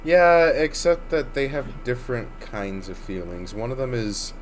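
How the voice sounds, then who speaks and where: A man's voice: mid-range voice, a little slow. A man chatting casually and jokingly with friends during a script reading, laughing a lot and swearing. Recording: clear background noise.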